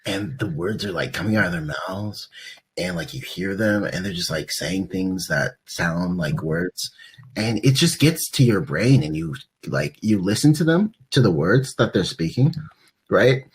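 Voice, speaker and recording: A man's voice: deep voice, expressive, unhurried, husky. A young man co-hosting a podcast in casual chat, rambling, joking and laughing often. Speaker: podcast co-host.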